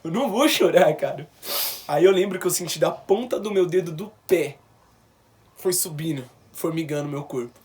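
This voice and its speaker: Animated Brazilian young man, slightly high. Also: moderate pace. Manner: animated, slangy, acts out quoted dialogue. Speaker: YouTuber. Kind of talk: personal storytelling vlog.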